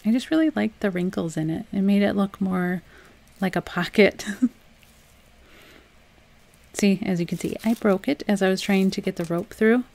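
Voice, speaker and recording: A young adult woman hosting a home crafts channel, talking through a project in a relaxed, chatty voice-over with frequent "um"s. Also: mid-range voice, normal speed, creaky, long pauses. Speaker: DIY crafts channel host. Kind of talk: casual voice-over tutorial.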